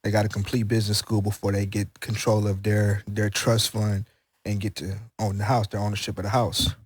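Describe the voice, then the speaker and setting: A man's voice: on the low side, level tone, fairly quick, breathy edge, dry recording, clean studio sound. A man co-hosting a casual podcast, talking in a loose, rambling, slangy way with many restarts. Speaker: podcast co-host.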